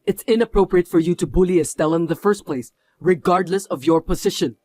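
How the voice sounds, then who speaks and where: A man's voice: sits high, fairly quick, a little mellow, no room sound. A man voicing a stern company executive who scolds in a firm manner. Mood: scolding. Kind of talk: voiced story drama.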